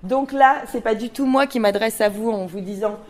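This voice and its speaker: High-voiced woman leading children's diction games. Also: moderate pace. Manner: playful, demonstrative, asks children many questions. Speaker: voice and diction workshop leader.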